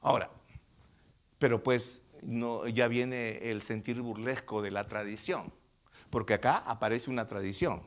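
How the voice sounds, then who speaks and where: A male pastor preaching a sermon emphatically, often asking his congregation whether they understand, swinging from quiet to near shouting. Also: mid-range voice, fairly even intonation, unhurried. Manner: asks the congregation questions often.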